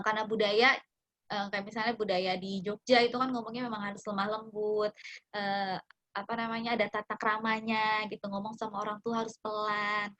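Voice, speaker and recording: Woman, bright tense voice, fairly high, animated casual guest speaker. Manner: animated, acts out quoted speech. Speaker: guest speaker, psychology practitioner. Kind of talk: casual talk to a youth group.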